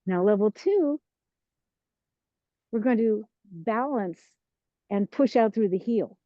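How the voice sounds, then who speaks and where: A woman teaching a tai chi class, giving serene, encouraging, unhurried movement cues. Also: mid-range voice, lively intonation. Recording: roomy, dull lo-fi sound.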